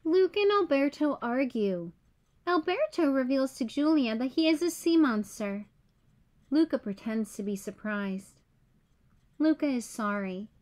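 This is a woman storyteller sharing a kids' picture book in a clear, plain, expressive manner. Her voice sits high, and she reads unhurriedly.

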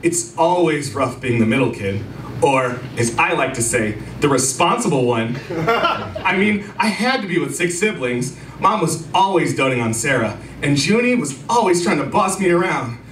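A man in his thirties performing a spoken word slam poem on a small indoor stage at a stand mic, leaping into a high girlish voice and dropping low and slow. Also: animated, a bit bright, slight background noise. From Arizona. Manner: dramatic, leaps high for a girl's voice then drops low and slow. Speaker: slam poet. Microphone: stand mic, filmed from a distant camera. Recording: roomy, distant sound from a far camera.

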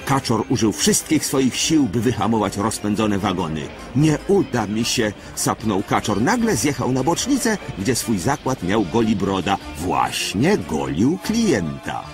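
A man giving scripted, expressive storybook narration for a children's cartoon. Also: fairly low pitch, unhurried, hardly any pauses. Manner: expressive, animated reading. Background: background music.

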